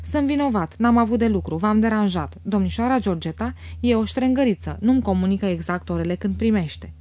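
A woman's voice: mid-range voice, lively intonation, warm tone, no echo, close to an everyday voice. A woman reading the lines of a courteous, ceremonious elderly male general in an audiobook. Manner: polite, smiling, ceremonious.

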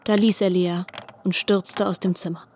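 A woman narrating a literary radio drama in a soft, often half-whispered voice. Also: mid-range voice, little pitch movement, moderate pace, a little hiss or hum.

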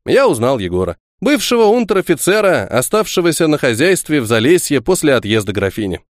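A man reading an audiobook aloud in first-person narration, with lively storytelling. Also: fairly high pitch, fairly quick, no room sound, clean studio sound.

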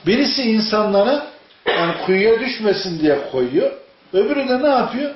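A man's voice: high-pitched, big pitch swings, moderate pace. A man preaching an informal sermon to a small group, telling stories and asking his listeners questions. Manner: storytelling, asks the audience questions. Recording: echoey room, dull lo-fi sound.

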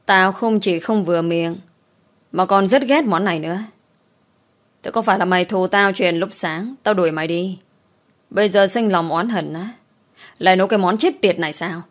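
A woman's voice: fairly low pitch, normal speed, natural voice. A woman voicing a harsh old mistress. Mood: scolding. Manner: scolding, sharp, contemptuous.

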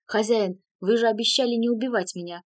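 A woman's voice: a little high, brisk, dry recording, pitched above the performer's own voice, natural voice. A woman voicing a timid pleading servant. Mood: frightened pleading. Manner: babbling, pleading.

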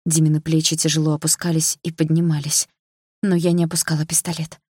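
Female audiobook narrator, intimate reading, low and husky. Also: flat delivery, brisk, darkish tone, dry recording, studio quality. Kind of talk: scripted first-person narration.

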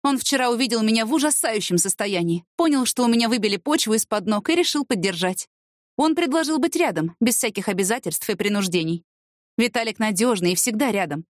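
A woman's voice: on the high side, fairly quick, no echo, clean studio sound, lightly acted. A woman voicing a weary, listless young woman. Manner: tired, defensive, flat.

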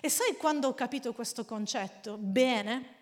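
A woman preaching a sermon in an animated, storytelling way with frequent laughs. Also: a little high, normal speed. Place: church hall. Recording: long hall reverb.

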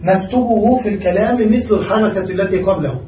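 A man's voice: high-pitched, fast talker, a little hiss or hum. Give me a male teacher who keeps asking his class check questions, recorded in an echoey room. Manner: quizzes students with frequent check questions. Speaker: grammar teacher. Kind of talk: classical grammar lesson. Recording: echoey room, far from mic, dull.

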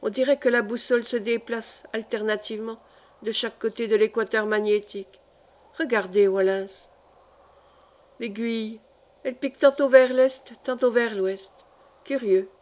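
A woman's voice: on the high side, steady tone, normal speed, a little mellow, lightly acted. A woman reading the lines of a brooding male astronomer in an audiobook, curt and grumbling. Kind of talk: audiobook character voice.

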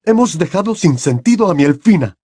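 A man reading an audiobook and voicing a shaken, stiff older male wizard who speaks in clipped, halting bursts. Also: high-pitched, big pitch swings, dark tone, slightly rough, no room sound, clean studio sound, voice pushed up, exaggerated voice. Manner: clipped, halting, barely moving lips.

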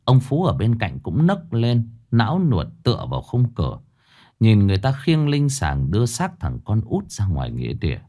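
A man's voice: fairly low pitch, huge pitch swings, moderate pace, mellow. Man narrating a ghost story dramatically. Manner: dramatic, swinging intonation. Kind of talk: scripted horror story narration.

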